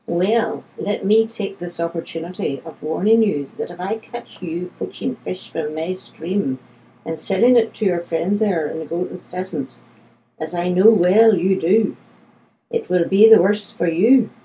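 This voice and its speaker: A woman voicing an imperious, impatient upper-class landowner, brusque and demanding, raised in pitch and volume over her narrating voice. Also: measured pace, mellow, slight background noise, low-quality recording.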